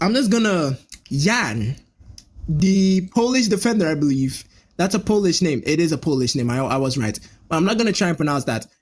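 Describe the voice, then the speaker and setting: A man hosting a live football watch-along, chatting casually to viewers and getting excited when a chance comes. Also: husky. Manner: chatty, jumping up in pitch at chances on goal. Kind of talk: casual live match commentary to a chat.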